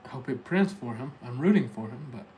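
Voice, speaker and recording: A man's voice: medium pitch, animated, fairly quick, warm tone, slight background noise, poor audio. A man with a Tennessee accent chatting casually and informally to viewers as the host of a livestream. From Tennessee, United States. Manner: informal, talking directly to chat viewers. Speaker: livestream host, day trader.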